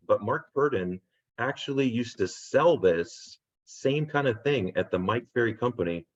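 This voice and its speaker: A man hosting a real estate agent training on a video call, upbeat and rambling, losing his voice and clearing his throat. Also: fairly low pitch. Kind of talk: casual video call pep talk. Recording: dull lo-fi video call audio.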